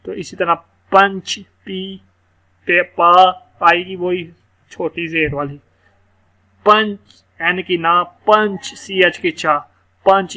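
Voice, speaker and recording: A man giving a casual phonics lesson, explaining word sounds and slowly spelling out examples. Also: high-pitched, sharp tone. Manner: casual, explanatory, repeats words slowly letter by letter. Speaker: English teacher. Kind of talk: screen-share phonics lesson.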